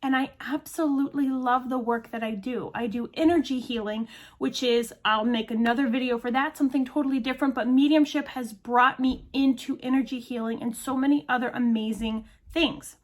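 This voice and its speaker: A woman's voice: high-pitched, fairly even intonation, a little fast. A woman in her late thirties, a medium and channel host, talking earnestly and chattily straight to her viewers. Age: 30s. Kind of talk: casual talk to camera.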